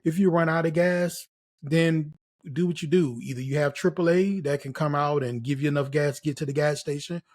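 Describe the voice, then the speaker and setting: His voice is a little high and a little mellow. As a host and nursing career mentor, this middle-aged American offers casual, encouraging advice to camera, emphatic and prone to repeating key phrases.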